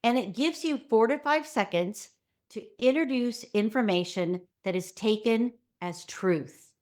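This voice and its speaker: Lively middle-aged woman explaining as a guest. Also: on the high side, a little slow. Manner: lively, breaks into acted-out quotes. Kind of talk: conversational interview explanation.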